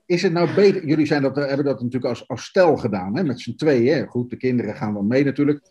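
Husky, mellow male interviewer. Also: medium pitch, fast talker. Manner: searches for words, rephrasing questions. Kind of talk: casual conversational interview.

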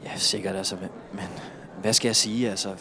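A hesitant, worried friend. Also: male voice, on the low side, little pitch movement, creaky, pushed and bright. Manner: hesitant, full of fillers and false starts. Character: concerned male friend, hesitant and earnest. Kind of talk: film drama acting.

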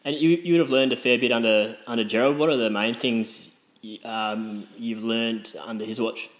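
Man, Australian accent, interviewer, average pitch, casual questioning, friendly, slightly hesitant phrasing. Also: fairly even intonation, moderate pace, poor audio.

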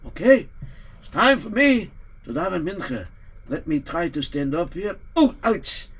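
A man voicing a humble, pious old rabbi who talks softly and sighs. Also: high voice, very animated, unhurried, slightly rough, exaggerated voice. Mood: lamenting. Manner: soft, sighing, lamenting. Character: pious elderly male rabbi, humble and sighing.

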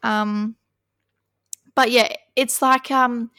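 A woman co-hosting a podcast in casual chat, talking fast and loose with lots of fillers. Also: fairly high pitch, fairly even intonation, pushed and bright, dry recording, studio quality. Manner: chatty, filler-heavy, many "like"s. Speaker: podcast co-host.

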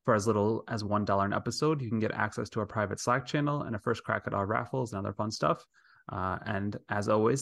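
A man with a lowish voice and plenty of vocal fry hosts a podcast. His delivery is casual and conversational. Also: no room sound, clean studio sound. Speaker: podcast host. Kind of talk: casual, chatty hosting.

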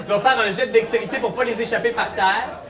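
A young Quebec French man runs a tabletop game on stage, his voice strikingly high. He narrates with lively, laughing energy, heard from a distance in a large hall full of audience reactions. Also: quick pace, crowd noise. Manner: lively, animated storytelling, laughing often. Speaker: game master.

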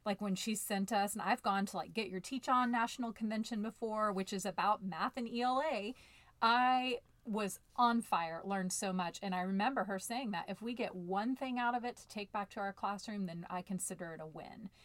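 A woman's voice: mid-range voice, moderate pace, fairly bright tone, dry recording. A woman co-hosting a casual podcast as a choir director, blunt and joking in her delivery.

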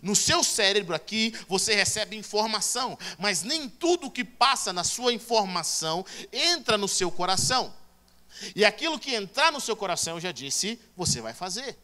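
Preacher guy, highish bright voice, gets loud then goes quiet. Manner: emphatic, swings from hushed to loud. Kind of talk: sermon.

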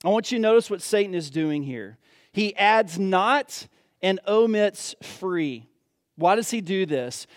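Guy preaching a sermon, kinda high voice, dry close sound, repeats stuff for emphasis. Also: animated, unhurried, dry recording. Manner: earnest, repeats key phrases for emphasis.

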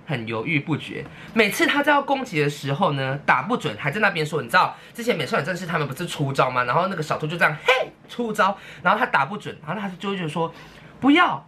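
A woman's voice: deep voice, slight background noise. A woman hosting a solo podcast, ranting in an exaggerated, mock-outraged way. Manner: animated, exaggerated, mock-outraged, laughing often. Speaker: podcast host.

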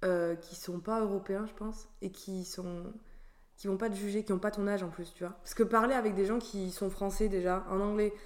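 A woman's voice: medium pitch, fairly even intonation, brisk. Chatty French woman, laughing often. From France. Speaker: guest sharing travel stories. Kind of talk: casual conversation.

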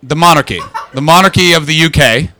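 A man doing stand-up crowd work, brash and profane, teasing the audience and breaking into loud shouts. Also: on the high side, fairly quick, slight background noise. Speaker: stand-up comedian. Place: London comedy club.

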